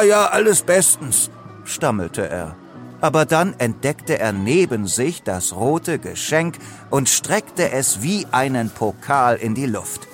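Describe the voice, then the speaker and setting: A man narrating a children's story in an expressive, dramatic way. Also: medium pitch.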